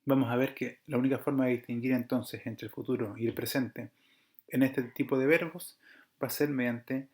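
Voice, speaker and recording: Guy teaching a class over slides, patient, keeps asking if we're following, fixes his own slips. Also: medium pitch. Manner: patient, explanatory, checks in with listeners; corrects himself often. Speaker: Greek teacher. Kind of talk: online lecture over slides.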